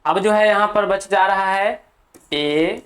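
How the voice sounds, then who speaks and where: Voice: medium pitch, a bit bright. A teacher giving a grammar lesson for exam students, dictating for notes, repeating key terms and often checking in with the class. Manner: slow, deliberate, dictating for notes.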